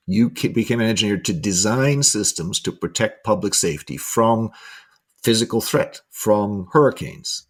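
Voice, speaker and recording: Male podcast host; low, husky voice; long explanations, frequent restarts. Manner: repeats and restarts, explains at length.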